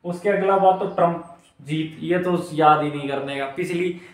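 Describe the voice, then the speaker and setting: Young male tutor, chatty and playful, slightly high voice, roomy echo. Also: normal speed. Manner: chatty, jokey, asks rhetorical questions. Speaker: vocabulary teacher and channel host. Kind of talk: casual Hindi vocab lesson with memory tricks.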